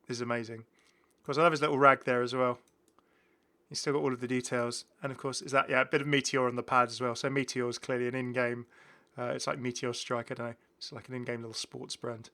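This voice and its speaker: A British gaming video host gives casual, enthusiastic game commentary, rambling and often correcting himself. His medium-pitched voice is bright and forceful, level in tone, and he talks fast.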